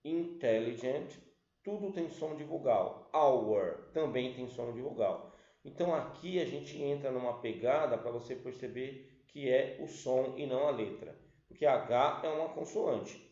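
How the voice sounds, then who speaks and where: Slow-talking Brazilian male English teacher. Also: medium pitch, mellow. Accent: Brazilian Portuguese. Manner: explains step by step, checks in with rhetorical questions. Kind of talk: classroom grammar lesson. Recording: roomy dull lo-fi sound.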